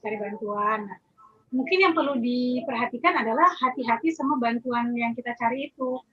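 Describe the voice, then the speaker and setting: Female guest, husky and sharp-toned, muffled lo-fi recording. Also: fairly high pitch, normal speed. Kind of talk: interview answer. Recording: dull lo-fi audio.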